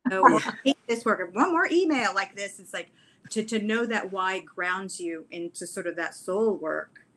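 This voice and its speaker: A woman's voice: mid-range voice, animated, a little slow, fairly bright tone, rough recording. A woman moderating a panel who affirms the guests and sums up their points before handing over.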